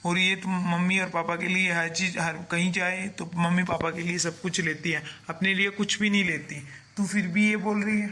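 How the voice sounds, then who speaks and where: A man's voice: high voice, flat delivery, normal speed, pushed and bright, slight background noise. A man playing a son who firmly defends his wife against his sister in a family skit. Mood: reproving. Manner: firm, reproving.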